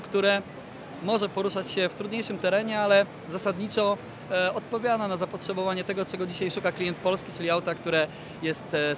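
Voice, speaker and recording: In a large, noisy indoor car show hall, a car brand's PR manager in his thirties gives a promotional interview about a product. He has a high voice and speaks in a measured way, with many drawn-out hesitations, into a handheld microphone held toward him.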